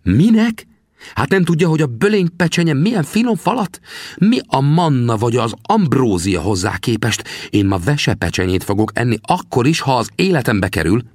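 A cackling old trapper in an audiobook, his voice pushed far up into a high, gravelly register. He teases and scolds with wild swings of pitch, and the recording is close and dry. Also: big pitch swings, dry recording. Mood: scornful. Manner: mocking, cackling laughter. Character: teasing old male frontier trapper.

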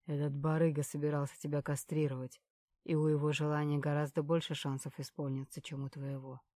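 A woman voicing a calm, menacing male security man who interrogates a captive in an audiobook, measured and cold. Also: deep voice, no room sound, pitched below the performer's own voice, lightly acted.

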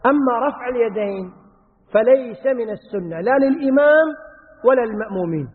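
Man, religious Q&A lesson, high voice, tinny phone-like sound, long hall reverb. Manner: reads questions aloud then answers, demonstrates the call to prayer in a drawn-out chant. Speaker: Islamic jurisprudence teacher answering questions.

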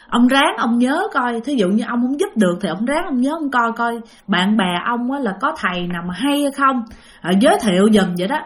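Brief: female ghost-story narrator, Southern Vietnamese accent, lively and expressive, talks straight to listeners. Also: a little high. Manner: animated, addresses listeners directly. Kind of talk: spoken ghost story telling.

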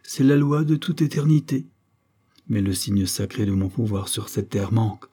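A man's voice: on the low side, moderate pace, mellow, husky. A man voicing a grave, formal male secret-society master in an audiobook, speaking in a solemn, ceremonious way. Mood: fervent.

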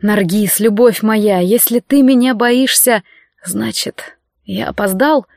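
A woman voicing a tender, sorrowful young man in an audiobook, speaking softly and low. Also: slow, creaky, dry recording, clean studio sound.

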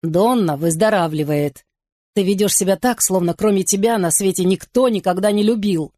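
A woman's voice: mid-range voice, normal speed, dark tone, no room sound, close to an everyday voice. Dry, sarcastic sensible man, voiced by a woman reader; audiobook. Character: dry, impatient level-headed man, a doctor.

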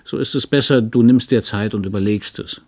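A man voicing an earnest middle-aged husband in an audiobook reading, speaking softly and haltingly, with sincere pleading. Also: lowish voice. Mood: gentle.

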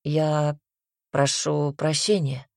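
Audiobook figure: a woman doing a gruff, blunt werewolf husband, lowish voice, dry close sound. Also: level tone, slow pace, a little mellow, no room sound, full character voice. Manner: blunt, suspicious questioning. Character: gruff young male werewolf husband, sullen.

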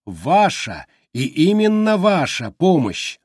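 An ancient, enormous creature from a fantasy audiobook, issuing orders in a slow, deliberate, booming voice, as a male narrator puts it on. The tone is husky and weighty. The reading is dry and close to the mic. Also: huge pitch swings, darkish tone, no room sound, heavily acted. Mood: commanding. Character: vast ancient sea creature, commanding and deliberate.

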